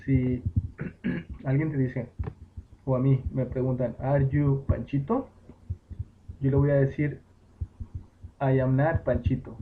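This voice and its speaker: A man's voice: medium pitch, steady tone, slow pace, pauses often. A man patiently explaining grammar as a teacher, with fillers and self-corrections. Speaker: English teacher. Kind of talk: home-made lesson explaining grammar. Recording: tinny phone-like recording with faint noise.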